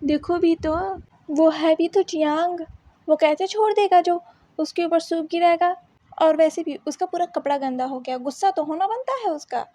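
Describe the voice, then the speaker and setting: A woman's voice: very high voice, moderate pace, dark tone, no room sound. A woman voicing gossiping young female college students who gasp and whisper about others, in a storybook reading. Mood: gossipy. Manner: gossipy, gasping.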